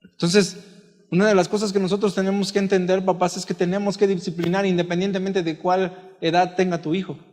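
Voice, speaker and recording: A pastor giving a conversational sermon full of stories and asides. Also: male voice, sits high, flat delivery, brisk, darkish tone, long reverb tail. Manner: conversational preaching with anecdotes and asides. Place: church.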